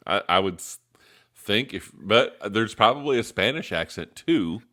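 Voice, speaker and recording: A man co-hosting a casual live review show, rambling with lots of fillers and quick bursts of laughter. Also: on the low side, expressive, bright, forceful tone. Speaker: co-host of a soda review show.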